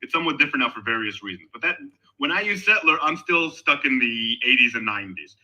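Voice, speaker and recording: Middle-aged man from Israel for a voice-chat debate, lively pitch, emphatic with restarts. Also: fast talker, rough recording. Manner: animated, emphatic, with frequent restarts. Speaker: guest in an online discussion. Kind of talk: casual debate talk. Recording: voice call on a discussion server.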